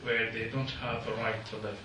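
A man's voice: on the low side, flat delivery, far from the mic, noisy background. Earnest man speaking in an echoey hall. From Jordan. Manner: earnest, halting non-native English. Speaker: speaker at a public meeting. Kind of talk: public speech. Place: meeting hall.

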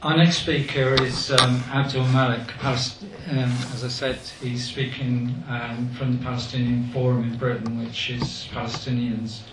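A man chairing a meeting, introducing the next speaker in a hesitant way with many pauses. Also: mid-range voice, level tone. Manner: hesitant, lots of ums. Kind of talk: event introduction. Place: meeting hall. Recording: echoey hall, noisy, far mic.

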